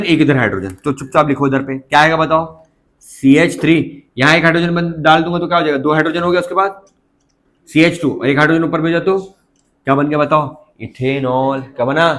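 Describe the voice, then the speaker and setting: This chemistry teacher sounds on the high side and slightly bright. He lectures his class in a coaxing way, repeatedly checking if the students are following.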